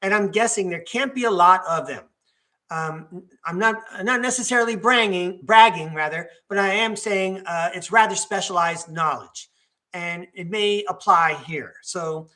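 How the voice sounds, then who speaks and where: An older podcast host from New York, United States, talks solo in a rambling, digressive, chatty way, with many fillers, restarts and self-corrections. His voice is high, bright and forceful, and he keeps a measured pace.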